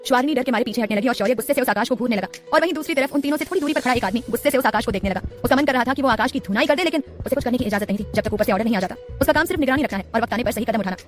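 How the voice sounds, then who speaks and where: A woman narrating a romance audiobook in a rapid, dramatic storytelling manner. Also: on the high side, faint music behind.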